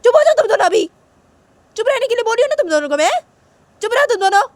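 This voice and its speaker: A woman's voice: extremely high pitch, sing-song, rapid-fire, dry recording, voice pushed up. A woman voicing a strict, threatening mother who scolds and gives orders. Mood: scolding. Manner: scolding, commanding.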